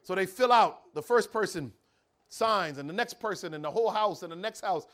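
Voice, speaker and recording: A man preaching a sermon, telling a story with dramatic pauses and rising intensity. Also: high voice, expressive, a bit bright.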